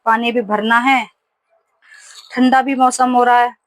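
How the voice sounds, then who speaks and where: A woman's voice: fairly high pitch, steady tone, a little slow, no echo. A woman vlogging casually at home, telling stories in a chatty way with many fillers. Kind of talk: casual home vlog chat. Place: home kitchen, indoors.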